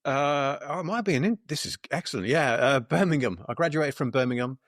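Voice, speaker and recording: A man's voice: medium pitch, animated, fairly quick, dry recording, clean studio sound. A man in his fifties, a dentist co-hosting the podcast, talking in a rambling, hesitant way over a video call. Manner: rambling, hesitant, many fillers and restarts. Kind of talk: casual interview chat.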